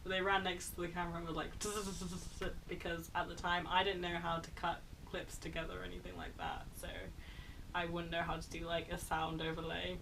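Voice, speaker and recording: A woman's voice: lowish voice, little pitch movement, moderate pace, far from the mic, noisy background. A young woman in a casual reaction vlog, chatty and self-mocking, often laughing. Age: young adult. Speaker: YouTuber reacting to her old film.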